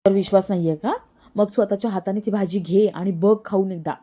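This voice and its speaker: A stern elderly female guru with a very dark, mellow voice, read out by a woman. She talks in a commanding, reproachful way, like a voice in a spoken serial recap. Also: medium pitch, fairly even intonation, a little fast, lightly acted.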